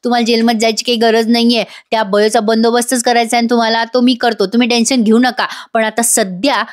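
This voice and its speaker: A woman voicing a scheming, villainous middle-aged man who calmly reassures an ally while plotting a murder. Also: on the high side, fast, lightly acted. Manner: smooth, reassuring yet sinister.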